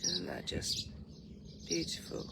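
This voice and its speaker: Just woken and sleepy, a vlogger from Lincolnshire, England, greets live viewers from her garden on a morning livestream, speaking slowly in a croaky voice. She rambles in a relaxed way with lots of ums. The phone camera audio is very noisy, with loud birdsong and a light breeze.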